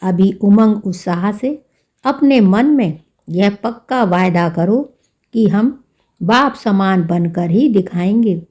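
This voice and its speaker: A woman reading a devotional scripture text aloud in a slow, measured recitation. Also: medium pitch, warm tone, dull audio. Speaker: spiritual reader.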